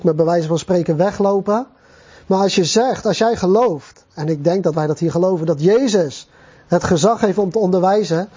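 Male preacher, conversational sermon, mellow and husky, dull lo-fi church recording. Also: sits high. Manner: conversational, addressing the congregation with pauses and fillers.

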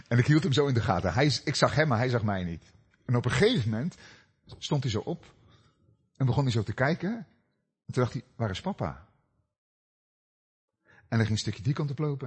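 A middle-aged man preaching a sermon, telling stories with dramatic swings between loud cries and hushed, low passages. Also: breathy edge. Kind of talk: sermon with personal story.

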